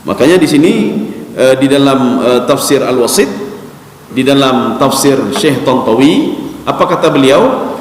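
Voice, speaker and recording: A man's voice: mid-range voice, lively intonation, measured pace, pauses often. A man preaching a sermon to a mosque congregation, asking rising questions and chanting Arabic verses. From Indonesia. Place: mosque hall. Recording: echoey mosque hall.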